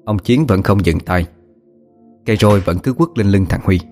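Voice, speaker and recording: A man narrating a story as an audiobook reader, steady and expressive. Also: fairly low pitch, moderate pace, faint music behind.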